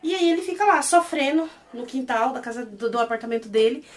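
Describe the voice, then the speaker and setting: A Brazilian woman retelling and reviewing a series in an animated, exasperated, casual way. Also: high-pitched, fairly quick, distant mic. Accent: Brazilian Portuguese.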